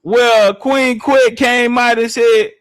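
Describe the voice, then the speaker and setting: A man's voice: very high-pitched, little pitch movement, slow, a bit bright. A man hosting a live debate stream, confrontational and taunting in slangy speech, repeating phrases for emphasis. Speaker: live-stream panel host.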